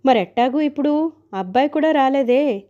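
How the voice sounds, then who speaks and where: A devout, fretful old mother-in-law who scolds in a slow, raised voice, as a woman reader puts her on. The tone is warm and mellow, and the recording sounds dull and lo-fi. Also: fairly high pitch, lightly acted.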